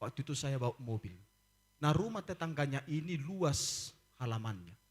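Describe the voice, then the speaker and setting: Animated preacher man. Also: medium pitch, moderate pace, breathy edge. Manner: animated preaching, acts out quoted voices, laughs. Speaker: pastor. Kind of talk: lively sermon.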